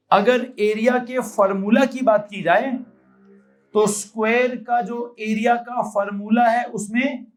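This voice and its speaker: A man with a Pakistani accent teaches a physics lesson in a classroom, and his voice sits high for a man. He fires questions at his students, repeats the answers back, and drops in English terms. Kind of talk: classroom lecture.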